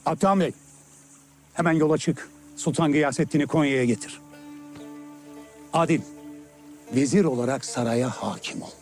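An actor playing a resolute middle-aged emir in a historical drama, speaking with measured authority. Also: male voice, fairly high pitch, soft background music, natural voice.

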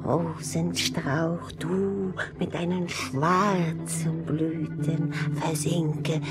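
An actress playing a lonely, possessive old sorceress in a fairy-tale audio drama, with drawn-out, incantatory delivery. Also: female voice, low voice, fairly even intonation, over loud music, full character voice. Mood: conjuring. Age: older. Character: lonely old sorceress woman, sweetly possessive, not evil.

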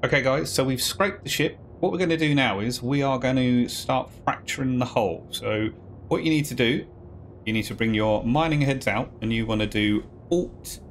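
A man talking viewers through a video game tutorial step by step, in a relaxed, casual voice-over. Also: medium pitch. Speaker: gaming guide creator.

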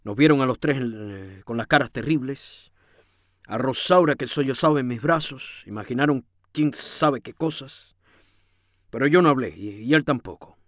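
A man giving a dramatic first-person reading of a novel, swinging from hushed tones to shouting. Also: medium pitch, moderate pace, no echo, studio quality. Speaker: audiobook reader.

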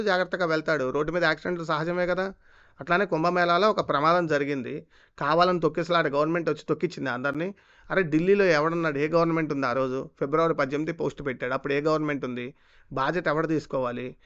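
A man rattles off heated commentary at great speed, full of scornful rhetorical questions. His voice is smooth and clear and sits a little high. The recording is dull and lo-fi. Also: fairly bright tone. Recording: dull lo-fi sound.

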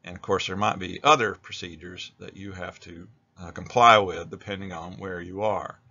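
A man's voice: deep voice, fairly even intonation, normal speed, vocal fry, bright, forceful tone, lo-fi sound. An American man narrating an instructional video as a teacher, explaining things in a plain-spoken way.

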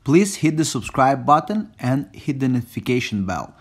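A man loudly announcing a subscribe reminder, heard from off the mic. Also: mid-range voice, very animated, normal speed, breathy edge. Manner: loud, announcing. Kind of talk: loud subscribe call-out.

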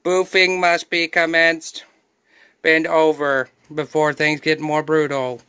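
A man voicing a bossy male robot police enforcer in a comedy skit, barking clipped, monotone commands. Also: on the high side, slow pace, clean tone, no room sound. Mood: commanding.

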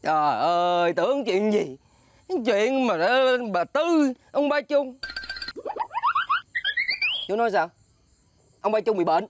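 An actor playing a cheeky, excitable young male adviser with a Southern Vietnamese accent in a comedy sketch, fond of flattery and exclamations. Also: high-pitched, slow pace, long pauses, a little hiss or hum. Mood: exclaiming. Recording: music playing behind the voice.

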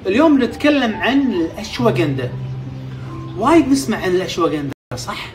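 Kuwaiti male host, rapid and animated delivery, drills key terms by repeating them. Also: sits high, over music. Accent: Kuwaiti Arabic. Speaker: health tips host. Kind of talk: informal explainer.

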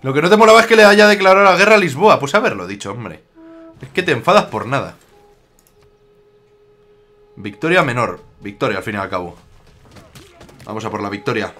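A man's voice: mid-range voice, sing-song, fairly quick, pauses often, pushed and bright. A man from Spain with a slight Aragonese accent, giving casual, jokey commentary while playing a strategy game and talking back to his rivals. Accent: Aragonese Spanish. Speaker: gaming YouTuber.

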